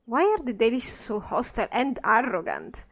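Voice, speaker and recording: A woman's voice: a little high, huge pitch swings, moderate pace, a bit bright, heavily acted. An actress playing a female mage hero who asks plain, blunt questions, from a game. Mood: curious.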